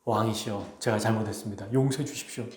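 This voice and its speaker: A man's voice: mid-range voice, normal speed, darkish tone, a little hiss or hum, lightly acted. A man preaching acts out a cruel, arrogant nobleman who sneers and threatens, in an echoey church hall. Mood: grovelling plea.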